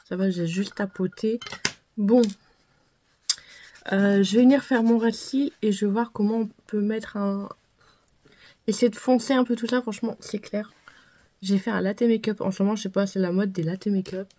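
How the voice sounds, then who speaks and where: A woman's voice: medium pitch, steady tone, moderate pace, long pauses, dark tone, no echo. A woman vlogger chatting casually through a makeup tutorial, self-deprecating and full of fillers and repeated words. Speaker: beauty vlogger.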